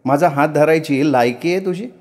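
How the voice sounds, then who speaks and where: पुरुष कथाकथनकार साकारतो धीट, फटकळ तरुण गावकरी स्त्री. आवाज थोडा उंच, टोमणे मारणारा, न घाबरता ठामपणे बोलणारा. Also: male voice, on the high side, normal speed, pitched above the performer's own voice, natural voice. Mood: defiant. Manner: defiant, mocking. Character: bold, sharp-tongued young village woman.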